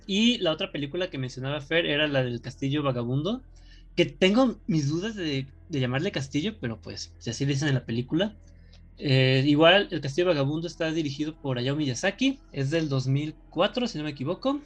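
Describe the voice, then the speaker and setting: Male co-host, slightly high-pitched, chatty and joking. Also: lively intonation, brisk. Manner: joking, rambling explainer. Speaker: podcast co-host. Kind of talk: casual chat.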